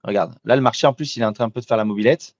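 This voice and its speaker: A man's voice: mid-range voice, very fast, no room sound, studio quality. A man doing live trading commentary, talking informally and directly to the listener with frequent restarts. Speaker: trader presenting a live trading demo.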